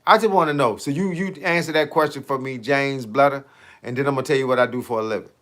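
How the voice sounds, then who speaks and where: This man, a fitness coach in his late fifties, talks fast in a medium-pitched, somewhat bright voice. On his livestream he's chatty and slangy, firing rhetorical questions back at viewers' comments.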